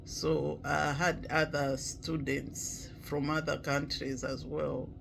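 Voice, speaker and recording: Man, very slow halting speech, gravelly, noisy background hiss. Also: fairly high pitch, level tone. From Malawi. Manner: halting, many pauses and "you know" fillers, clears throat often. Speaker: vlogger. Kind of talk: reflective casual vlog monologue.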